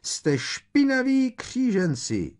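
A man voicing a shrill, haughty, pompous woman official in an audiobook reading. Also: very animated. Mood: indignant. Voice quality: shrill, squeaky.

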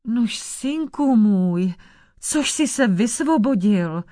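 A woman's voice: medium pitch, expressive, dry recording, studio quality, natural voice. A woman voicing a limping, kindly old father who worries about his son. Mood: anxious.

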